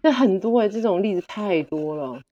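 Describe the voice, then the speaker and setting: A woman guest telling stories in casual chat, direct and animated, acting out the dialogue. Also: medium pitch, moderate pace, long reverb tail, highs cut off.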